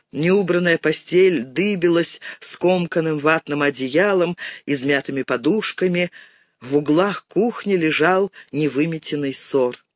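A man reading an audiobook narration in a steady, expressive manner. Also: high-pitched, no room sound, clean studio sound.

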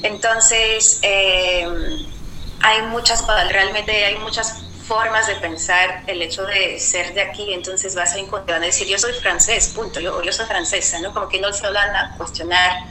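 Woman guest artist, slow hesitant speech, echoey room, noisy remote line. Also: mid-range voice, fairly even intonation. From Guadeloupe. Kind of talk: live radio conversation over a remote call.

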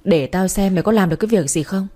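A domineering middle-aged father, read by a woman in a spoken story, shouting and laying down the law. The tone is dark and husky. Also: mid-range voice, fast, close to an everyday voice. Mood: angry. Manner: shouting, overbearing.

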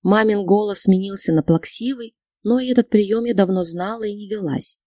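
Woman, audiobook narration, steady, warm dark voice, dry close mic. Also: mid-range voice, moderate pace, no echo. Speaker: audiobook reader. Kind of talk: first-person audiobook narration.

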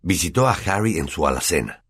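A man with a Latin American Spanish accent narrating an audiobook in an expressive storytelling manner. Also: low voice, fairly quick, breathy edge.

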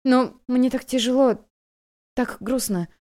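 A woman's voice: slow, a little mellow. Woman voicing a proud hot-tempered young maid. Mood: tearful. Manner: shrill outbursts.

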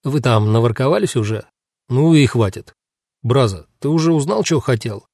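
A man voicing a gruff, weary male guard who dismisses people in blunt street slang. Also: mid-range voice, animated, moderate pace, darkish tone, dry recording, studio quality. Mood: dismissive.

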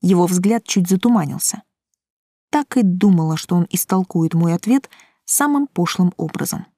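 A woman reading a first-person audiobook in a calm, dry, wry manner. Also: fairly low pitch, normal speed, no room sound. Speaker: audiobook narrator.

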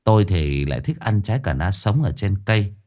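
A man telling a first-person ghost story in a lively, dramatic way. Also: on the low side, brisk. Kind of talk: scripted ghost story narration. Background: faint music.

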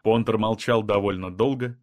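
A man narrating an audiobook in an even, measured storytelling manner. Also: on the low side. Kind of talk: scripted narration.

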